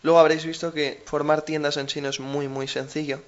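A man's voice: fairly high pitch, level tone, a little fast, muffled recording. A man with a Spain Spanish accent co-hosting a language lesson, explaining patiently with everyday examples. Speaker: language teacher co-host.

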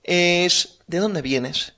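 A man teaching a language lesson, patiently drilling pronunciation slowly. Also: sits high, sharp tone, lo-fi sound. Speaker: Chinese teacher.

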